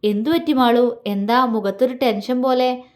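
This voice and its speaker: A woman reading a story aloud, voicing a gentle young man who talks softly and coaxingly. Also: a little high, measured pace, close to an everyday voice. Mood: concerned. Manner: soft, tender, coaxing.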